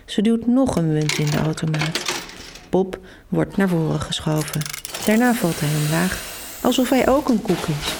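A young adult woman hosting and reading a children's book aloud as a lively storyteller who gives the characters' lines their own voices. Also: lowish voice, normal speed, vocal fry, noisy background. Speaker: host and storybook reader.

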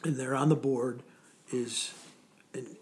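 A man's voice: mid-range voice, fairly even intonation, slow pace. A man telling rambling, chuckling anecdotes from his time in military training, as a guest in a casual interview. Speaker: interview guest, former Coast Guard sailor. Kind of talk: casual storytelling.

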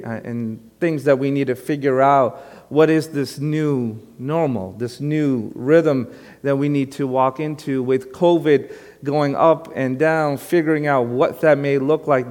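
A man in his thirties from Brooklyn, New York, a guest pastor giving a conversational sermon full of fillers and gentle self-deprecation. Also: mid-range voice, in a large hall.

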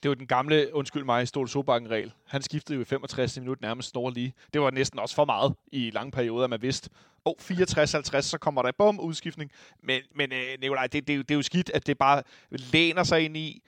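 A Danish man hosting a casual football podcast, agreeable and wry with quick asides. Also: medium pitch, fairly even intonation, a bit bright, no room sound, clean studio sound.

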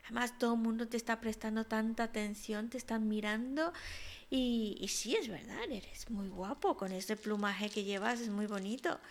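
A woman voicing an envious crow who thinks himself ugly, speaking softly and slowly. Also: a little high, lightly acted. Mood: wistful.

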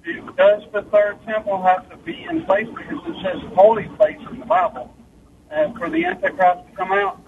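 A man's voice: high voice, sing-song, normal speed, creaky, recorded from a distance, slight background noise. A man with a Southern US accent calling in on his car speakerphone while driving. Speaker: caller. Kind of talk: call-in question. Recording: tinny phone line from a car.

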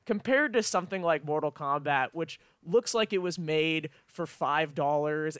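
A man's voice: fairly high pitch, fairly bright tone, clear, resonant tone, no room sound, studio quality. A man in his twenties co-hosting a podcast, chatting casually and irreverently about a film, swearing and laughing easily. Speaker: podcast co-host.

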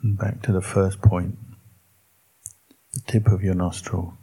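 This Buddhist monk's meditation guidance comes in short, slow, calm phrases with long gaps in between. His voice is low, dark, and husky, heard through poor audio.

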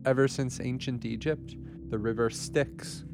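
A man's voice: mid-range voice, steady tone, unhurried, gravelly, music in the background. A man speaking as an interviewer, commenting in a conversational way.

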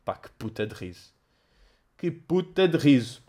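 A young man with a European Portuguese accent hosting a casual solo podcast, telling animated, slangy stories and laughing as he goes. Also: medium pitch, a little slow. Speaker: podcast host and comedian. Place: bedroom.

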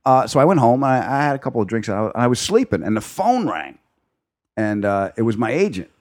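A man's voice: medium pitch, fast talker. A male comedian telling casual anecdotes, acting out quoted lines and swearing freely. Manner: animated, profane, acts out quoted lines. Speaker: stand-up comedian guest.

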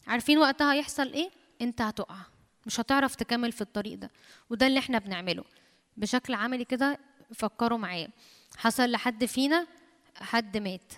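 Fast, high-voiced Egyptian woman preaching. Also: a bit bright. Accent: Egyptian Arabic. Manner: emphatic, repeats phrases, quotes scripture. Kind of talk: sermon. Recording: long hall reverb.

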